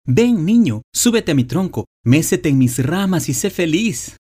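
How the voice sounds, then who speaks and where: A man's voice: a little high, big pitch swings, measured pace, warm tone, breathy edge, voice pushed up, exaggerated voice. A man voicing a tender, giving apple tree. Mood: tender coaxing. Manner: tender, coaxing. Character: loving, selfless talking apple tree.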